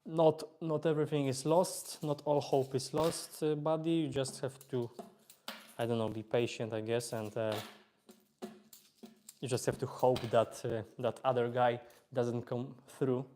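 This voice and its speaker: A man's voice: mid-range voice, measured pace, slight background noise. A young man from Poland with a Polish accent, casually chatting on a live stream while playing and reading viewer comments aloud. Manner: relaxed, chatty, reads chat aloud, hesitant fillers.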